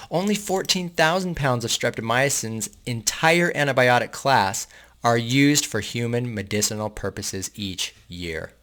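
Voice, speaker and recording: A man reads an article aloud in a medium-pitched voice. He keeps stopping to talk straight to his viewers in a loose, casual way. His asides come out sarcastic and indignant. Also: fairly bright tone. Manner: casual, addresses viewers as guys. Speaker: host reading and commenting on an article. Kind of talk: casual commentary while reading aloud.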